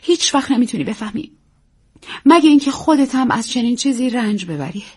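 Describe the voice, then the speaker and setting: A self-pitying aging diva of the stage, as a woman reader puts her on, stretching her words into theatrical sighs and repetitions. Her voice is husky and fairly high, and it swings widely up and down. She sounds like a storybook grande dame. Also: animated, a little mellow. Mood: dramatic, self-pitying. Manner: theatrical, drawn-out sighing repetitions.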